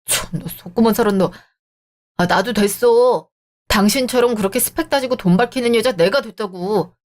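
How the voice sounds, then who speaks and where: A woman's voice: mid-range voice, moderate pace, a little mellow, natural voice. A woman voicing a sulky, stingy ex-fiancé man. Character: stingy self-pitying male ex-fiancé. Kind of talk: radio drama acting.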